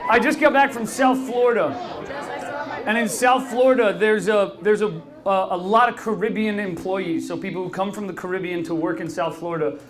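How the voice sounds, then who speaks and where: At a bar with a live audience, a male podcast host with a high-pitched voice chats upbeat and friendly, often throwing questions to the crowd. His tone holds steady and he speaks at a normal speed.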